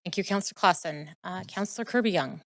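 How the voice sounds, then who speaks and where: Woman chairing a council meeting. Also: on the low side. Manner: procedural, with filler pauses.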